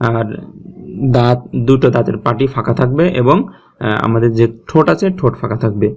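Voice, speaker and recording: Male recitation teacher, mid pitch, calm and repetitive, slightly muffled lo-fi recording. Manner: patient, repeats sounds slowly, checks in with "okay?". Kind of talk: step-by-step tajweed lesson.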